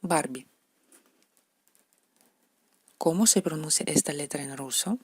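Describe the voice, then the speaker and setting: Woman teacher, low and husky, patient repeater of example words. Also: moderate pace, dry recording. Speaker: language teacher. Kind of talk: explaining letter pronunciation to beginners.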